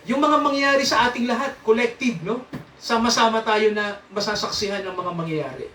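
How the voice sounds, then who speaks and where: A man's voice: high-pitched, moderate pace, bright, forceful tone, a little hiss or hum. A man preaching in a church, teaching from the Bible and quizzing his congregation with frequent tag questions and chuckles. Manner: chuckles often while teaching. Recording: echoey room, mic at a distance.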